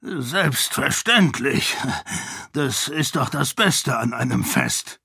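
A man voicing a portly, blunt, booming count in an audiobook, talking slowly and blusteringly. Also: sing-song, vocal fry, pushed and bright, slightly rough, no echo, studio quality, heavily acted. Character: portly boisterous male count, blunt glutton. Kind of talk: audiobook character voice.

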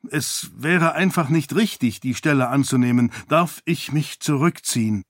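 A man's voice: medium pitch, moderate pace, dry recording, studio quality, pitched above the performer's own voice, close to an everyday voice. A man voicing a humble male priest in an audiobook, deferential and hesitant. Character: humble, strong male priest, torn and nervous.

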